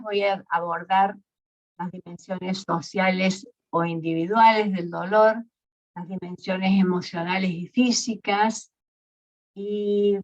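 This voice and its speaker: A woman from Argentina, giving an academic lecture in a measured way, with fillers and self-corrections. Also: medium pitch, muffled recording. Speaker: guest lecturer.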